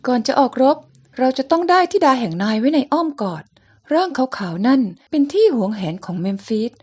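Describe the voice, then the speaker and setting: A woman voicing a scheming, lustful young prince from an old comic, speaking in a low, hushed way. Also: very animated, brisk, husky, full character voice.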